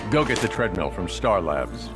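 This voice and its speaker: A man playing a stern masked vigilante in an animated game, serious, terse and commanding. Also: low voice, moderate pace. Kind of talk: animated video game acting. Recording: music behind.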